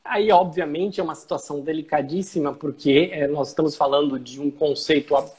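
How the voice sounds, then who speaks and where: A Brazilian man with a somewhat husky voice walks through legal details in an easy conversational way. He speaks a little higher than most men and often stops on fillers to search for the right word. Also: steady tone, fairly quick, darkish tone. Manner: explanatory, hesitant with frequent fillers.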